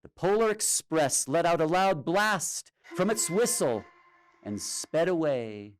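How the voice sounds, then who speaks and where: A man reading a children's story aloud in a theatrical, expressive way with drawn-out pauses. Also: a little high, slight background noise. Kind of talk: dramatic children's storytime narration. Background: music and sound effects.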